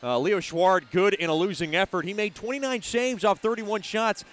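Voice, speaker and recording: Guy doing hockey pregame commentary, higher voice, announcer delivery. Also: normal speed, fairly bright tone. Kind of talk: sports broadcast pregame commentary.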